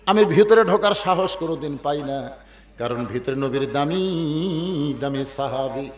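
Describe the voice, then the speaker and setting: A man's voice: on the high side, expressive, unhurried, echoey room, far from the mic. A preacher voicing a humble young shepherd man who cries out and pleads. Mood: wailing. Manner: crying out, pleading.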